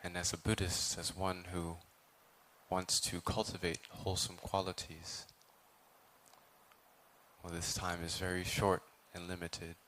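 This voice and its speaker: Guiding a meditation, a Buddhist monk who teaches meditation speaks in a deep, very even voice with little pitch movement. He delivers measured phrases separated by long silences, and the audio is poor with slight background noise.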